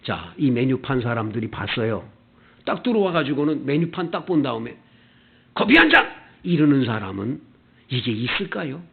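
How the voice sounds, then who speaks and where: A man preaching a Sunday sermon as pastor, animated and acting out the people in his stories. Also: mid-range voice, moderate pace, vocal fry. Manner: animated preaching, acting out quoted customers in character. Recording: tinny, phone-like church video audio.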